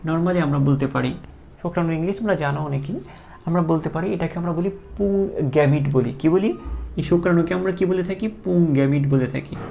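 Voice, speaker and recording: A man's voice: fairly high pitch, vocal fry, darkish tone, slight background noise. A man teaching a biology class live online, chatty, asking questions and answering them himself.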